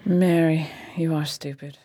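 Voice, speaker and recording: A woman playing a brisk, authoritative lady detective in a radio play, speaking with precision. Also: low voice, steady tone, dark tone. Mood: brisk, commanding. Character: brisk, commanding lady detective leading her assistant.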